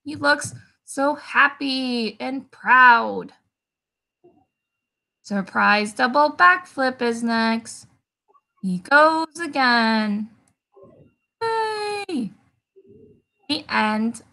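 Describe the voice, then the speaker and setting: High, slow, singsong woman for kids. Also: creaky, bright, forceful tone, low-quality recording. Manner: broad singsong children's theatre delivery; encouraging, prompting listeners to repeat along. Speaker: children's story-time presenter. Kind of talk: interactive read-aloud for young children.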